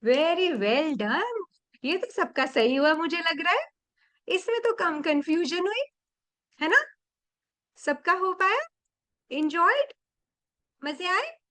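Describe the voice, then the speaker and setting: A woman's voice: sits high, fairly bright tone. A woman teaching an online children's class over a video call, counting aloud and encouraging the kids, mixing in English words. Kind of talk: online kids' activity class.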